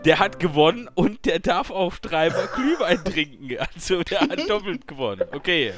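A man hosting a casual, excited gaming chat over voice chat. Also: sits high, moderate pace. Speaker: host. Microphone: voice chat over a game. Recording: music behind the voice.

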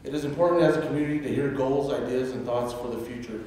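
A man's voice: medium pitch, fairly even intonation, fast, darkish tone, a little hiss or hum. A man from Colorado giving a prepared, formal opening statement as a school board candidate. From Trinidad, Colorado. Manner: formal, read-out delivery. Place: large auditorium stage at a podium. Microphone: podium mic from a far camera. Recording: echoey hall heard from far off.

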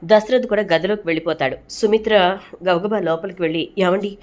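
A woman narrating a TV serial episode recap in brisk storytelling, ending with calls to subscribe. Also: on the low side.

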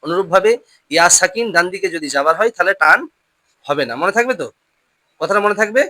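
This clip features a Quran reading teacher who patiently drills pronunciation, calling out and awaiting responses, repeating questions and slowing to demonstrate every word. The medium-pitched voice is expressive, bright and forceful, with no room sound.

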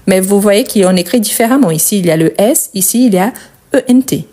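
A woman teaching French verb conjugation, explaining slowly and stressing each example word, often checking in with "Ok?". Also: medium pitch, lively intonation, dark tone. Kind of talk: conjugation lesson.

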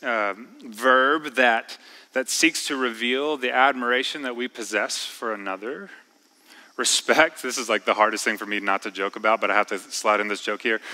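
A man preaching a sermon in a church, talking in a conversational way and slowing down to stress key words. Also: medium pitch, sharp tone, rough recording. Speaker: pastor. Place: church sanctuary.

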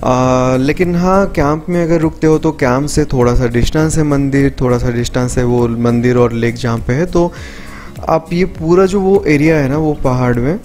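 A young man talks through his trekking trip in a relaxed, easygoing voice-over, stopping now and then with little hesitant fillers as he explains. His pitch sits in a middle range, and soft music plays faintly behind him. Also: moderate pace. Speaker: travel vlogger. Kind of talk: casual travel vlog narration.

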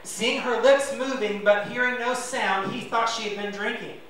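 Guy giving a sermon, high bright voice, chatty asides, echoey church from a bit far off. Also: moderate pace, a little hiss or hum. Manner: conversational, self-deprecating, asides to the congregation. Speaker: pastor. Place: church sanctuary.

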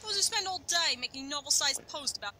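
A woman voicing a sarcastic female online reviewer character who lectures with quick wit. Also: sits high, animated, pushed and bright, full character voice.

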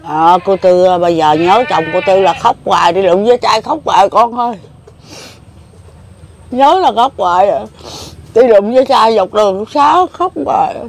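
A woman's voice: medium pitch, moderate pace, slight background noise. A woman in her seventies with a Mekong Delta accent, telling her story in a plain-spoken, repetitive, emotional way. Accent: Southern Vietnamese, Mekong Delta. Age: 70s. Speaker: interviewee. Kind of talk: casual rambling recollection.

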